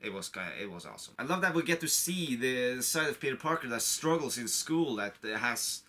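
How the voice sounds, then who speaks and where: Animated and brisk, a man talks in a sharp-toned, medium-pitched voice. He's an online video creator reviewing a film while recovering from a cold, speaking casually and unscripted to camera, rambling and repeating himself with a fan's enthusiasm.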